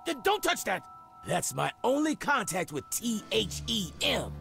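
An actor playing a paranoid, irritable store owner in a comedy video game, agitated and exasperated. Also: male voice, sits high, huge pitch swings, unhurried, creaky, bright, forceful tone, exaggerated voice. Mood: paranoid, alarmed. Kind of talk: animated comedy adventure game dialogue. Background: music.

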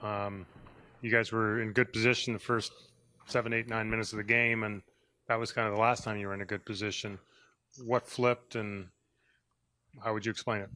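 A man's voice: lowish voice, flat delivery, normal speed, pauses often, sharp tone. A man, a reporter asking hesitant questions at a postgame press conference.

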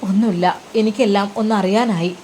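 A woman's voice: mid-range voice, steady tone, brisk, mellow, slight background noise, close to an everyday voice. Brief: woman voicing resolute male teacher-husband, consoling but firm, roomy with long reverb.

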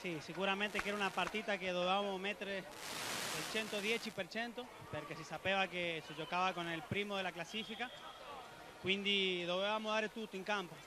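A sportsman gives a post-match interview in a high voice. He speaks into a handheld mic inside a big hall with clear background noise. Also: steady tone, fairly quick. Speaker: athlete interviewed after a match. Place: large indoor sports hall. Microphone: handheld interview microphone.

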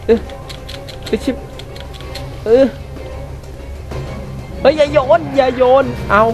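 Soft music plays behind a very high-pitched, slow-talking man who comments live on his gameplay in let's play style, exclaiming and cursing at what unfolds on screen.

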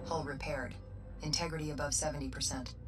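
A woman voicing a spaceship computer in a video game, giving measured, formal status announcements. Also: low-pitched, steady tone, lightly acted. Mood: calm, impersonal. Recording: distant game audio under music.

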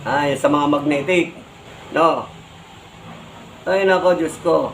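A Filipino man with a fairly high voice lectures to his camera, pressing his points and tagging them with quick questions. Faint background noise sits under his talk. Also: steady tone, a bit bright, rough recording. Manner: lecturing, repeats "no?" and "di ba?" as tags. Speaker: vlogger. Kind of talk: scolding explanation to camera.

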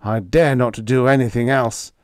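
A frightened, grey-haired scientist speaks earnestly, his words shaken, as a man puts him on. The voice sits clearly higher than the reader's usual low register. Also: steady tone, moderate pace, a little mellow, dry recording, clean studio sound, close to an everyday voice.

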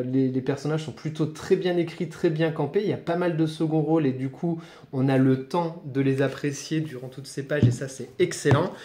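A man's voice: a little high, darkish tone, echoey room. A man casually reviewing a comic book for his channel, enthusiastic, with frequent fillers and restarts.

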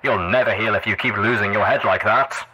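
A man's voice: lowish voice, fairly even intonation, a little fast, pushed and bright, slightly rough, heavily acted. A man voicing a cheerful, oblivious robotic hospital attendant with a tinny, chipper sound and fussy, polite bedside chatter. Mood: cheery. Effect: tinny speaker sound.

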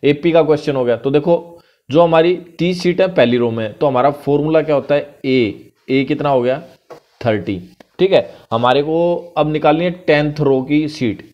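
Over a screen recording, this Indian-accented male math teacher walks through a worked problem one step at a time. His mid-range voice comes through with a lo-fi sound, and he takes the English question lines slowly.

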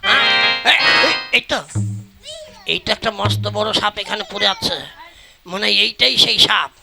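Blustering village husband, acted by a man, shrill and gravelly, puppet-show style. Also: normal speed. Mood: furious. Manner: blustering, cursing. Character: hot-tempered village husband. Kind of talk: folk puppet-show acting. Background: loud folk music.

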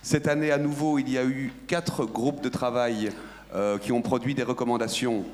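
A man's voice: medium pitch, fairly even intonation, moderate pace, a little mellow. A man moderating a general assembly, thanking speakers and introducing the next item in an orderly way with frequent fillers. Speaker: meeting moderator.

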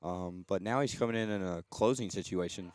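A man's voice: deep voice, fairly quick, darkish tone, no echo. A young man giving laid-back color commentary on a college baseball game, often answering with a short yep and speaking of the team as his own.

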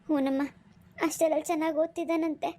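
A woman doing a gentle young bride. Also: high voice, level tone, fairly quick, natural voice. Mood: reassuring. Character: young newly married daughter, gentle.

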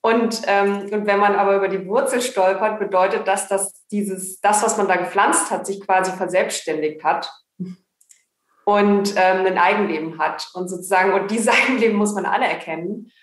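A woman's voice: medium pitch, fairly even intonation, moderate pace. Enthusiastic woman in a roomy space. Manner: enthusiastic, hedging with fillers. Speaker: panel participant. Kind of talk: casual discussion at a dinner table.

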